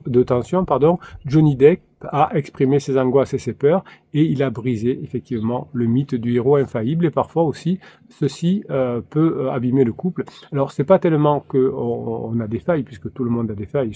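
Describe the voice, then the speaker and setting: Male relationship coach, solo talk, halting delivery full of fillers, mellow timbre. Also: mid-range voice, slightly rough. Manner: hesitant, frequent fillers and restarts.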